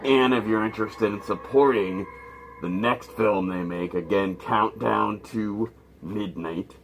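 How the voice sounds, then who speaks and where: A man presenting as a campy zombie horror host in vintage style, with gravelly, casual, rambling patter. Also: lowish voice, low-quality recording. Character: zombie horror host addressing his kiddies. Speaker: horror movie show host.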